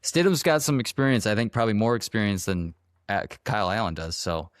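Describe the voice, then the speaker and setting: A man's voice: on the low side, expressive, fast, dry recording, studio quality. A man co-hosting a sports podcast in casual chat, laid-back and prone to restarts. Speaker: podcast co-host.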